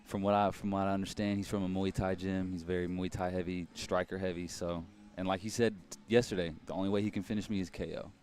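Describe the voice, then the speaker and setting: A man's voice: deep voice, little pitch movement, fast, hardly any pauses, a little mellow. A man speaking as an MMA fighter in a pre-fight interview, confident and matter-of-fact about his chances.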